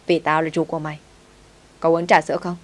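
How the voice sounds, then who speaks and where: A woman's voice: low-pitched, flat delivery, fast talker. A woman voicing a brusque young man, the master of a rich house, curt and teasing with his servant.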